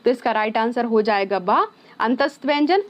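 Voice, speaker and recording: A woman's voice: a little high, expressive, normal speed. A woman teaching an exam-prep lesson who mixes English words into her explanation. She asks her own questions and then answers them. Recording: slightly dull, lo-fi sound.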